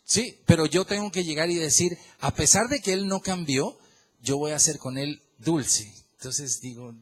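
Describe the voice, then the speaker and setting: A man preaching a sermon in church, swinging from loud emphatic questions to quiet prayerful tones. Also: a little high, moderate pace. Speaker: pastor.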